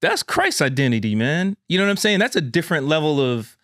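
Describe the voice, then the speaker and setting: A man's voice: a little high, sing-song, fairly quick, a bit bright, dry recording, clean studio sound. A man hosting a podcast, telling a heartfelt personal story in an earnest, emphatic way and calling the listener "man" and "bro". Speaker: podcast host.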